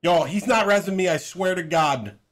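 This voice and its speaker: A man streaming a shooter game, calling plays and trash-talking his teammates with loud, excitable energy. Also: sits high, moderate pace. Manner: excitable, boastful trash talk, shouts in fights. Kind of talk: live gameplay commentary with teammates. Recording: game gunfire loud under voice.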